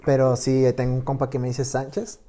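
A man's voice: mid-range voice, completely flat delivery, a little fast, dark tone. A man with a Mexican accent, co-hosting a podcast in a laid-back, slangy, hesitant way. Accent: Mexican Spanish. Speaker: podcast co-host. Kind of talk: casual chat.

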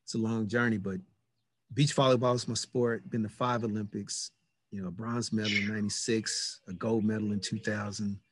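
Fifties male host, low and husky, earnest and reflective. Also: flat delivery, normal speed. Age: 50s. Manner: earnest, repeats key words. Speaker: podcast host. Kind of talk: reflective conversation.

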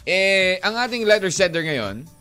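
A man's voice: high-pitched, sing-song, measured pace, pushed and bright, soft background music. A man co-hosting a radio show, chatting casually and rambling between Tagalog and English with frequent chuckles. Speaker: radio DJ and co-host. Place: radio studio.

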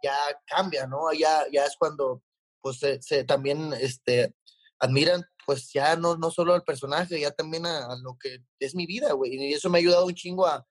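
A man's voice: a little high, fairly even intonation, moderate pace, breathy edge, no echo. Slangy Mexican rapper guy chatting. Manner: street slang, swearing. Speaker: rapper, interview guest. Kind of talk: casual chat, storytelling.

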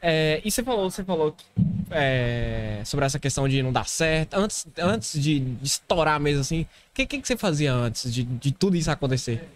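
A man's voice: on the high side, expressive, brisk. A young man, asking questions as the interviewer in a casual chat.

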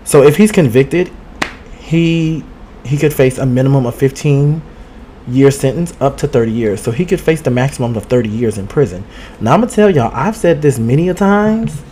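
Male podcast host, mid-pitched, sassy gossip chatter, streaming from home. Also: expressive, normal speed, warm tone, slight background noise. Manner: sassy, outspoken, swears freely; talks straight to listeners. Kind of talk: casual gossip chat. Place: home studio. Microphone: streaming with two cameras.

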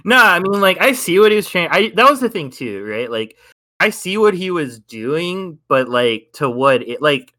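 A young man co-hosting a podcast reviews a film in casual chat, his fairly high, sharp voice swinging widely in pitch at a normal speed. He rambles and hedges, laughing often.

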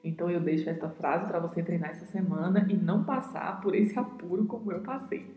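Brazilian woman teaching a Spanish lesson. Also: on the low side. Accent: Brazilian Portuguese. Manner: patient, explanatory, spells out pronunciation slowly. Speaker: podcast host, Spanish teacher. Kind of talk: podcast language lesson. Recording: roomy echo with soft music.

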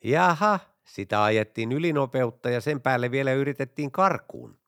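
A man's voice: medium pitch, fairly bright tone, no echo, studio quality, lightly acted. A man voicing a smug, stern male traffic police officer in a told joke, speaking up and lecturing.

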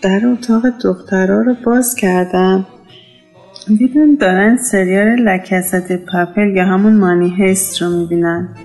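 A woman in her fifties from Iran, telling a personal memory in a relaxed, nostalgic, conversational way. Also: medium pitch, soft background music, rough recording. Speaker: storyteller sharing a memory. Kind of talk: casual personal storytelling.

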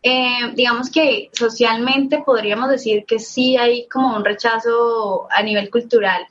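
A woman's voice: fairly high pitch, fairly even intonation, measured pace, fairly bright tone. Frank Colombian woman, muffled lo-fi sound. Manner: frank, laughs often, many fillers. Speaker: interview guest. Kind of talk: candid casual storytelling.

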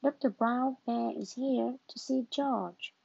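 A woman voicing a friendly bear doctor in a storybook reading, in a calm, reassuring manner, on a dull lo-fi recording. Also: on the high side, slow, gravelly, husky, no echo, heavily acted.

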